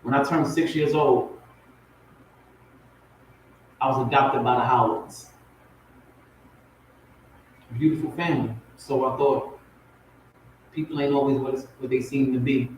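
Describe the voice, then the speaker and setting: A guest poet on a talk show, raised in Compton, California and Portmore, Jamaica, shares his personal story informally, repeating phrases emphatically for weight. His voice is medium in pitch with fairly even intonation, a little slow, and he pauses often. The audio is very echoey, distant and noisy.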